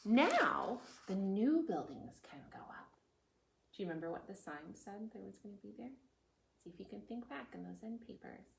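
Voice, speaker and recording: Reading a picture book to preschoolers in a sing-song style, a librarian running storytime asks the kids questions as she goes. Her mid-range voice is animated and gravelly at a normal speed. The recording is roomy and echoey indoors, with a little hiss or hum.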